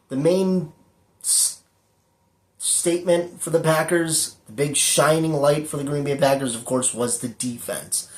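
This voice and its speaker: A man's voice: mid-range voice, reverberant. A man hosting his own football prediction show, talking casually with lots of fillers and a dry sarcastic streak. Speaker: sports prediction show host. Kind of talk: casual solo sports talk.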